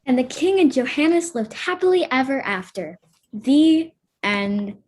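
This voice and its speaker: A woman's voice: high voice, animated, a little slow, a little mellow, a little hiss or hum. A woman playing a matter-of-fact fairy-tale storyteller, narrating a comic stage play.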